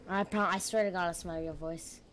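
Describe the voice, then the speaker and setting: Squeaky helium-like voice, noisy chat. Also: steady tone, fairly quick. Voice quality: very high, squeaky, childlike helium-like voice. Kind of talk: casual game voice chat. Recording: noisy game headset chat.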